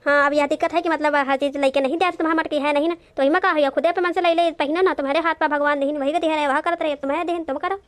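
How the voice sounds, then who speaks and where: A woman voicing a sharp-tongued, bossy old mother in a cartoon, scolding in an Awadhi accent. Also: high voice, steady tone, fast talker, few pauses, close to an everyday voice. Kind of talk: cartoon voice acting.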